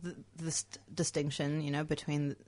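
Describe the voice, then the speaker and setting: A low-pitched Australian woman talks in a relaxed radio studio chat. She is reflective and hesitant, filling pauses with ums and likes, and often laughs as she talks. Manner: reflective, hesitant, many fillers, laughs easily. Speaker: radio co-host.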